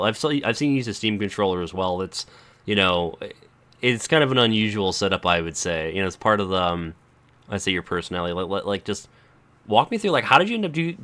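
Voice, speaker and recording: A man's voice: low voice, a bit bright. A man interviewing a gamer, asking rambling questions full of fillers and restarts. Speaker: interviewer, author.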